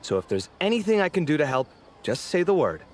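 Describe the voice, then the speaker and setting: A man voicing a dramatic young male architect in a game, expressive and huffy. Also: fairly high pitch, fast, a little hiss or hum.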